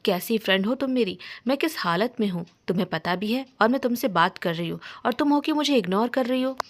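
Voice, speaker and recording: A woman's voice: a little high, lively intonation, a little fast. A woman voicing a worried, cautious young woman friend in a spoken storybook, talking in a fretful, scolding way.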